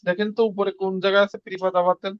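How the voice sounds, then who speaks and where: A man teaching a casual beginner lesson, repeating words slowly for learners. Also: high-pitched, level tone, dry recording, highs cut off. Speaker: Russian language teacher.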